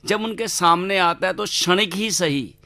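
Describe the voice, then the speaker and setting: A man's voice: sits high, normal speed, pushed and bright. A man in his fifties from India, a cartoonist guest in a radio interview, telling stories in a reflective way. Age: 50s. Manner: reflective, storytelling.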